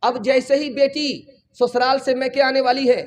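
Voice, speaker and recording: A man with a very high-pitched voice but a flat delivery preaches a fervent religious sermon at a public gathering. He repeats phrases and calls for the crowd to put their hands up.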